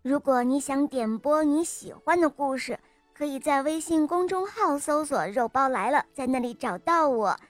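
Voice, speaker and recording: A woman narrating a children's bedtime story in a slow, gentle, sing-song way. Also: sits high, no room sound, soft background music.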